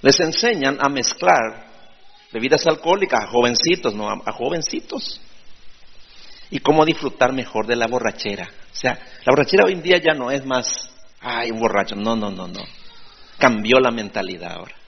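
Gravelly-voiced man preaching in a reverberant hall. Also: mid-range voice, expressive, normal speed. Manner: conversational, addressing listeners as brother with tag questions. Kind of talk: sermon. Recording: dull lo-fi sound with long hall reverb.

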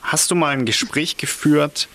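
A young man co-hosting a casual podcast chat, animated and joking, acting out little quotes. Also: a little high, a little slow. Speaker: podcast co-host.

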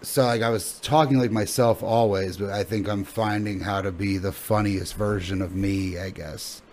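A man's voice: on the low side, fairly even intonation, normal speed, darkish tone. A male comedian being interviewed in a casual podcast chat, thinking aloud in rambling, sweary sentences. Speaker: stand-up comedian guest.

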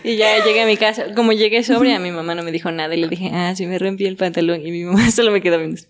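A woman's voice: mid-range voice, rapid-fire. A young woman, co-hosting a podcast in casual chat and telling stories expressively between laughs. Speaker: podcast co-host.

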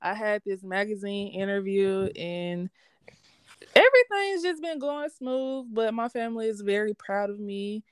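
A young woman talks in a relaxed, slangy and candid way, telling stories with lots of energy. Her voice is smooth and clear. The recording is close and dry. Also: medium pitch, measured pace, no room sound. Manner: candid, slangy, animated storytelling. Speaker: sports podcast host being interviewed. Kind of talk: casual interview.

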